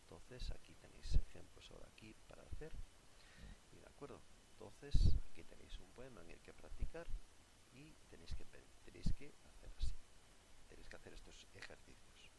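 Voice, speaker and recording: Male teacher, deep gravelly voice, patient worksheet lesson over loud noise and clicks. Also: big pitch swings, a little fast. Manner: patient, often asks "¿de acuerdo?". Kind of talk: recorded lesson explaining a worksheet.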